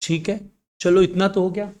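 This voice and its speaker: A man teaching accounts in a classroom with students, mixing Hindi and English, asking questions and answering them himself, and slowing down to dictate definitions. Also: high voice, little pitch movement, darkish tone. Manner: slows down to dictate definitions word by word.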